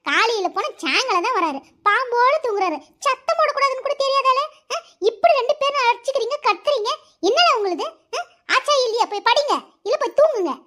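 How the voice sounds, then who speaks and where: A strict cartoon mother , voiced by a woman, scolds her bickering children with threats. Her voice is pitched very high. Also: animated, brisk, a bit bright. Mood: scolding. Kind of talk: cartoon voice acting.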